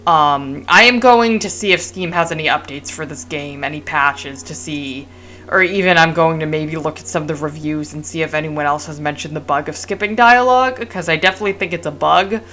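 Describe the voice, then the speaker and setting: A woman's voice: deep voice, a little fast, fairly bright tone. A woman hosting a let's play video, giving casual gameplay commentary in a chatty way with frequent fillers.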